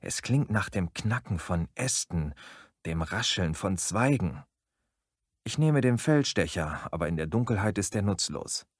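Guy reading a scary story dramatic, low and husky, dry close mic. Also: no room sound. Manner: dramatic, swings between hushed and urgent reading. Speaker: audiobook narrator. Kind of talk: first-person horror story narration.

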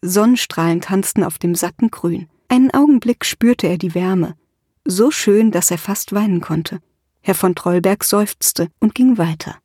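Woman narrator, steady storytelling, dry close sound. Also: medium pitch, measured pace, breathy edge, no echo. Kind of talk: audiobook narration.

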